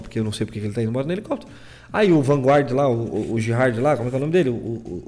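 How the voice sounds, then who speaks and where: A man's voice: mid-range voice, dark tone. A young man giving a casual, rambling recap of anime episodes, stumbling and repeating words as he goes. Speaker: anime reviewer.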